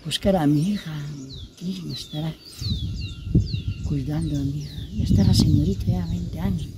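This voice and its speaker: A woman voicing a grieving middle-aged man just out of prison, talking low, mournful and pleading outdoors in the countryside. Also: moderate pace, very noisy, lightly acted.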